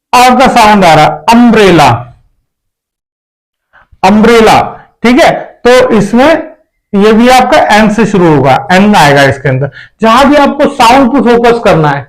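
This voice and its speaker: Guy teaching grammar, high voice, goes over each point again and again. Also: poor audio. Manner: repetitive, explains each point step by step. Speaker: English teacher. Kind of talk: classroom-style grammar lesson.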